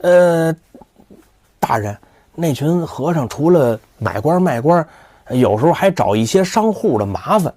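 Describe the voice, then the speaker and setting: A man's voice: fairly high pitch, sing-song, measured pace, mellow, dry recording. A male storyteller voicing a nervous young gossip who stammers and pleads. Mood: nervous pleading.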